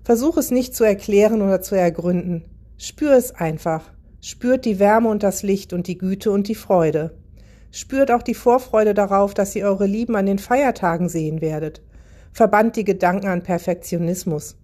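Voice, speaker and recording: A woman voicing a kindly, gentle Father Christmas in a storybook, speaking calmly and soothingly in her own mellow voice. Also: medium pitch, moderate pace, natural voice.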